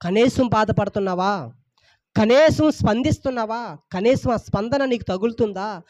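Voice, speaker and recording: A man's voice: high voice, normal speed, a little mellow, no room sound. A male pastor delivering a sermon, repeating phrases with rising and falling intensity. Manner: emphatic, repetitive preaching with rising and falling intensity.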